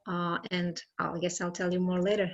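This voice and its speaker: A woman in her forties from Bosnia, speaking as a panelist in a measured, deliberate way over a video call. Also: lowish voice, flat delivery, highs cut off.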